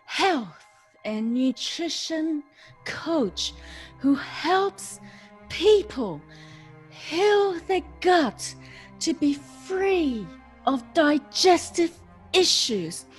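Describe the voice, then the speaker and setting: Sultry seductive announcer, as a woman puts her on: hushed, low, unhurried, with lively rises and falls. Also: exaggerated voice. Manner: low, hushed and drawn-out delivery. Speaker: podcast host.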